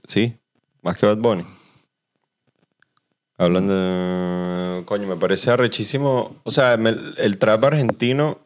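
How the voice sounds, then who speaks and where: Laid-back man, lowish voice. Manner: laid-back, slangy, laughs often. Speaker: podcast host. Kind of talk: casual chat. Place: Los Angeles studio.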